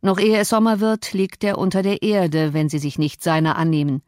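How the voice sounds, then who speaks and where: A woman's voice: lowish voice, little pitch movement, normal speed, a little mellow, no echo, close to an everyday voice. Scheming, mocking older man read by a woman for an audiobook, dry close sound. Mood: cold, mocking. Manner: cold, mocking, persuasive. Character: menacing, scheming older man, smooth and cruel.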